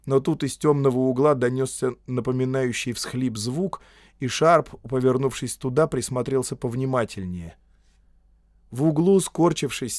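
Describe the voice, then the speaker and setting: Man narrating an audiobook, measured. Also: mid-range voice, a little mellow, dry recording, clean studio sound. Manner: measured storytelling. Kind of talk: scripted narration.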